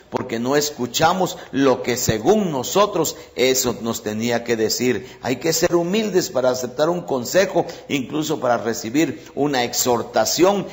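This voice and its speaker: A male pastor delivers a sermon in an emphatic, direct manner. He speaks straight to his congregation, calling them brothers, and lays out his teaching point by point at a middle pitch. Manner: emphatic, addresses listeners as brothers, counts off points.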